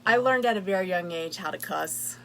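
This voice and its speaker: A woman's voice: lowish voice, a little fast, creaky, a bit bright, slight background noise. A woman co-hosting a podcast, talking candidly in casual chat. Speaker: podcast co-host.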